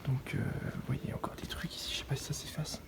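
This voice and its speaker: A man giving hushed, whispered vlog commentary in a furtive murmur while exploring inside a large abandoned warehouse. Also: racing. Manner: low, furtive whispering, often dropping to breathy murmur. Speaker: urban exploration vlogger.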